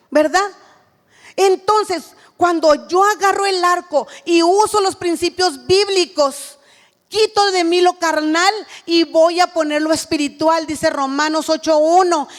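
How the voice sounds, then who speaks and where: A woman's voice: extremely high pitch, big-room sound. A woman giving an earnest sermon at a women's church retreat, acting out what a mother says to her child.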